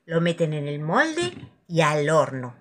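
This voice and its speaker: A woman narrating children's stories aloud in an expressive, animated reading. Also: sits low, a little slow. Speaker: storyteller.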